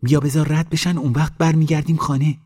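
A man's voice: fairly high pitch, steady tone, darkish tone, husky, pitched above the performer's own voice. A man doing an urgent, coaxing villager.

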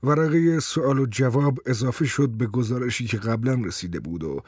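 Calm male storyteller: husky, measured, dry delivery. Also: mid-range voice, no room sound. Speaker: narrator. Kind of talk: dramatic first-person story reading.

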